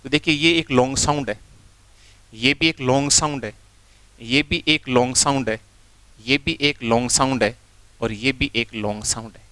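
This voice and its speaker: A man's voice: medium pitch, normal speed, long pauses, pushed and bright, no room sound. A man teaching an exam-prep lesson, explaining step by step and asking the class rhetorical questions as he goes.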